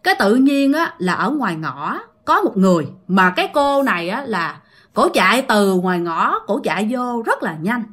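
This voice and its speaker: A woman's voice: mid-range voice, sing-song, normal speed, a bit bright. A woman with a Southern Vietnamese accent telling a ghost story in a chatty way, often speaking straight to her listeners. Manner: chatty, addresses listeners directly.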